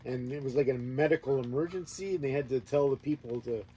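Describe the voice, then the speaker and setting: A man's voice: medium pitch, fast talker, mellow, husky, poor audio. A man telling a meandering story in a laid-back, casual way. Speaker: host. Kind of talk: casual chat. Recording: faint background noise.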